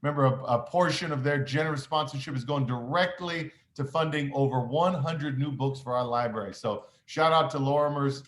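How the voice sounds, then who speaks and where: A principal gives upbeat, encouraging morning announcements over the school intercom, his mid-range voice brisk with hardly any pauses and frequent "uh" fillers. The sound has that school intercom quality, in an echoey room with faint noise.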